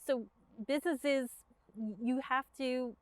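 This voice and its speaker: A woman's voice: high voice, steady tone, slow, dry recording. A woman with a Brooklyn accent, guest on an interview, telling her business story in earnest, chatty talk full of fillers. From Brooklyn, New York. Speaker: guest entrepreneur. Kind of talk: casual interview chat.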